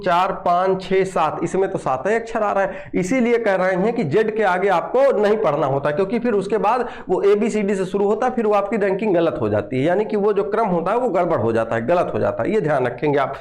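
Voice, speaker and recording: High-voiced man teaching letter counting. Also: animated, brisk, few pauses. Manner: explains step by step, counting letters aloud; addresses students directly with repeated reminders. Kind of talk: exam-prep lesson.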